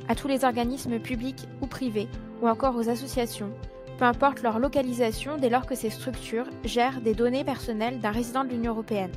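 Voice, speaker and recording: A woman narrates a scripted explainer, posing questions and answering them. Her voice is fairly high, and music plays behind her.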